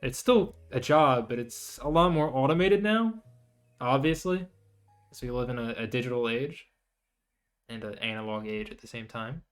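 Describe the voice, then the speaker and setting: A male VTuber host livestreams in a casual chat style, rambling and thinking out loud. His voice is medium-pitched, clean, and at normal speed, with guitar background music behind it.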